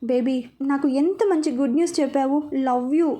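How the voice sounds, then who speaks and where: A woman's voice: sits high, moderate pace, warm tone, lightly acted. A woman voicing a young husband who talks to his wife affectionately and teasingly in a storybook reading. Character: young man, loving and playful husband.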